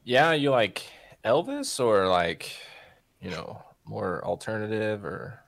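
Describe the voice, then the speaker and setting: A man's voice: fairly low pitch, sing-song, slow pace, vocal fry, a bit bright, full character voice. A man voicing a simple-minded, friendly young man in a tabletop game, easygoing and chatty.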